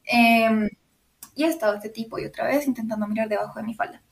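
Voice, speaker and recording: A woman's voice: a little high, steady tone, fairly quick, creaky. A young woman with a Bogotá-area Colombian accent, hosting a podcast and telling a personal story in a candid, emotional way, with many fillers. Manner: emotional, candid, full of fillers like "como" and "o sea". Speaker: podcast host.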